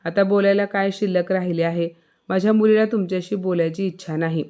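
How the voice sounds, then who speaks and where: A woman voicing a protective middle-aged mother who speaks calmly. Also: fairly low pitch, a little fast, natural voice. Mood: cold.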